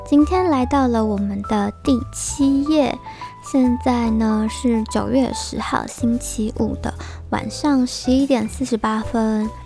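A woman's voice: fairly high pitch, unhurried, warm tone, faint music behind. A woman hosting a casual solo podcast in a reflective, confiding way, her articulation slightly slurred from wearing dental braces. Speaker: podcast host.

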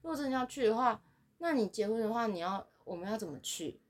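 A woman's voice: on the high side, lively intonation, fast. A young woman, co-hosting a podcast in casual chat, telling stories animatedly and laughing often. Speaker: podcast co-host.

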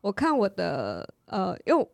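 A woman's voice: medium pitch, huge pitch swings, moderate pace, creaky, no echo. A woman with a Taiwanese Mandarin accent telling casual anecdotes in a self-deprecating, giggly manner. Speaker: podcast participant.

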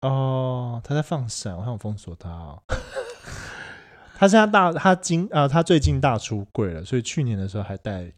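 A man with a Taiwanese Mandarin accent co-hosting a casual podcast chat, joking and breaking into loud laughter. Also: medium pitch, wildly swooping pitch, moderate pace. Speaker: podcast co-host. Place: studio room with echo.

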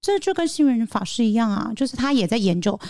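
A young woman from Taiwan co-hosts a casual podcast, talking fast with a lively, swooping voice. Her pitch sits a little high, and the sound is close and dry. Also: no room sound. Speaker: podcast co-host. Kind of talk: casual chat.

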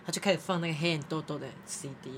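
A young woman, co-hosting a casual chat and telling animated stories with lots of laughter. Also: low voice, racing, a little hiss or hum. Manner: animated anecdotes with frequent laughter. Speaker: podcast co-host.

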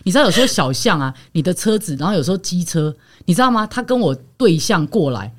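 A woman in her thirties with a Taiwanese Mandarin accent, co-hosting a casual podcast and telling animated stories. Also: lowish voice, fast. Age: 30s. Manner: animated, storytelling with raised retorts. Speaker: podcast co-host. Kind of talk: casual chat.

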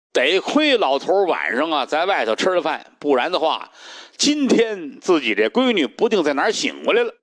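A man performing a traditional solo storytelling piece, told with animated, dramatic pacing. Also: on the high side, no room sound, clean studio sound.

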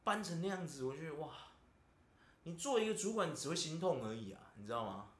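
A podcast host with a Taiwanese Mandarin accent vents in casual chat, constantly asking "you know?". His voice is on the high side, animated and a little fast, in a roomy echo.

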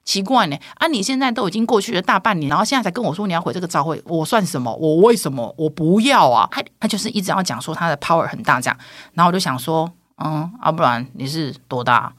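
A woman, a podcast host telling a personal story in a lively, heated way and acting out the voices. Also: fairly low pitch, quick pace, dry recording. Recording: dry studio mic.

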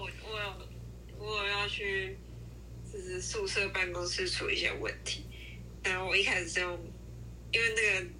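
A woman's voice: mid-range voice, bright, forceful tone, low-quality recording. A young woman talking casually as a podcast co-host, sharing personal anecdotes in an informal conversational way. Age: young adult. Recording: faint background noise.

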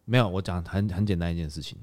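Fast-talking man telling a story. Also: low-pitched. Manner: animated, retells scenes with acted quotes. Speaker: podcast co-host. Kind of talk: casual storytelling chat.

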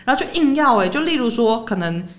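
A woman with a Taiwanese Mandarin accent, co-hosting a casual chat in an expressive, reactive and colloquial way. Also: fairly high pitch, fast talker.

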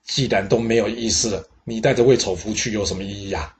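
A man doing a smooth-talking calm courtier. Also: on the low side, fast, close to an everyday voice. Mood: reassuring. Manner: easygoing, reassuring. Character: glib, calm male courtier and persuader.

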